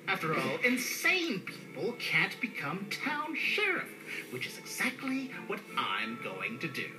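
Wildly animated pompous cartoon villain. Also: male voice, high voice, unhurried, heavily acted. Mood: smug, menacing. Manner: theatrical, pompous, mock-polite. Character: scheming, grandiose little cartoon villain claiming to be sheriff. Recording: played from a television, re-recorded. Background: cartoon music.

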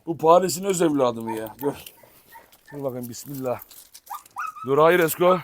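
A man vlogging outdoors as he handles his dogs, switching between affectionate baby talk and sudden shouts to keep them in line. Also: a little high, lively intonation, moderate pace, a little hiss or hum. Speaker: dog breeder and vlogger. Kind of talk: casual vlog narration while handling dogs. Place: outdoor yard with dog kennels.

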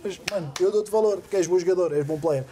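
Insistent fast-talking man. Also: high-pitched, warm tone. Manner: insistent, repeats himself. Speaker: reality show contestant. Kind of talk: heated casual conversation.

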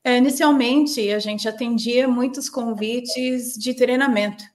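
Slow-spoken woman. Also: fairly high pitch, fairly even intonation. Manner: slow, searching answer. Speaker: podcast guest.

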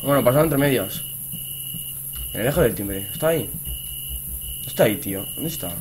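A young man with a Spain Spanish accent giving gameplay commentary, excitable and repeating phrases as he swings between muttering and shouting. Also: mid-range voice, moderate pace, noisy background. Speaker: gaming youtuber.

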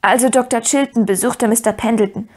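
A woman's voice: on the high side, fairly even intonation, fairly quick, darkish tone, lightly acted. A woman reading an audiobook, voicing an eager, earnest young boy who talks in urgent, breathless bursts. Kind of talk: audiobook character voice.

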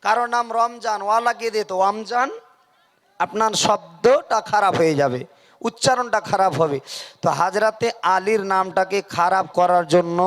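A man preaching a sermon at a religious gathering over a PA microphone, singing drawn-out devotional verses and calling on the crowd to answer aloud. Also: high-pitched, fairly bright tone. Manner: chants drawn-out devotional verses, then preaches in quick bursts; calls on the crowd to respond aloud. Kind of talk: Bengali waz sermon with sung verses.

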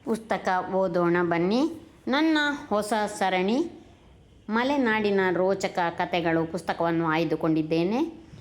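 Woman narrating a storybook calmly. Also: on the low side, slow. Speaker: storyteller, channel host. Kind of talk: audiobook narration.

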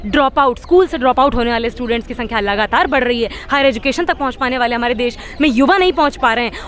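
A woman's voice: high-pitched, a bit bright. A young woman activist gives an impassioned interview at an outdoor street protest, speaking into several press mics with rhetorical force and frequent restarts. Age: young adult. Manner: fiery, rhetorical, many fillers and restarts. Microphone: several handheld press mics held close.

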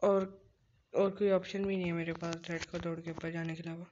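A man's voice: on the high side, level tone, fairly quick, darkish tone. A man giving solo gameplay commentary, frantic and self-scolding, repeating words and dropping to whispers. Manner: self-scolding, pleading with the game. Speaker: gamer. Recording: dull lo-fi mic with faint noise.

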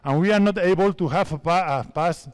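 In a large indoor sports hall, a native Spanish-speaking basketball coach from Spain in his fifties fires short instructive commands at players. His high voice is clear and resonant and moves a little fast, with bouncing basketballs audible in the background.

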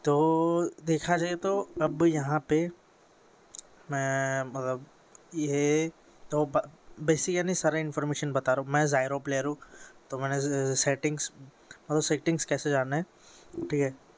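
A man's voice: on the high side, flat delivery, measured pace, long pauses, smooth. A teenage boy from India talks through a mobile game tutorial in a casual, rambling way, full of fillers and self-corrections. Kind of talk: casual screen-recorded tutorial. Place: bedroom with a fan running.

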